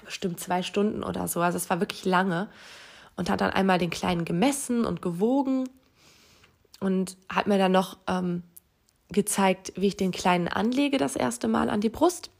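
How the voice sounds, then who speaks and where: In a casual vlog, a young new mother tells her birth story, emotional and often dropping to a soft hush. Her voice is medium-pitched and creaky, at normal speed.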